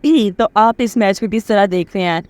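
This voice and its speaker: A man's voice: high-pitched, moderate pace, no echo. A man interviewing a cricketer, asking short, direct questions in Urdu.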